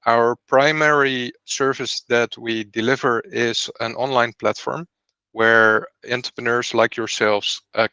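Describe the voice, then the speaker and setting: Guy presenting on a video call, bright crisp voice, dry close sound, explains everything step by step. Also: medium pitch, no echo. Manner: clear, organized, explains as he goes. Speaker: program host and startup founder. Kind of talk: online presentation.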